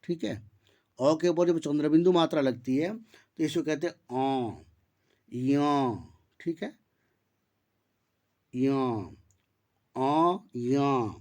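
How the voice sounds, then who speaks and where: A male teacher giving an online grammar lesson, his voice sitting a little high yet soft and mellow in tone. He walks through each rule by posing questions and answering them himself. He recites the sutras slowly, syllable by syllable. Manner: explains step by step, asks and answers his own questions.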